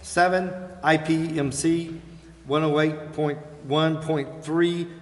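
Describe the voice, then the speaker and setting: Slow and fairly even in intonation, a high-leaning American male voice formally reads out agenda items while chairing a public meeting. The council chamber sounds echoey, with background noise clearly present.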